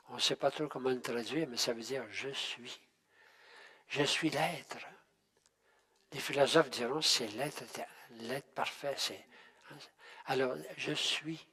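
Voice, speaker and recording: An older man teaching a Bible class in a halting, conversational way, often restarting and checking in with his listeners. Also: mid-range voice, a bit bright. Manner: halting, with many restarts and tag questions. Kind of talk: unscripted Bible class talk.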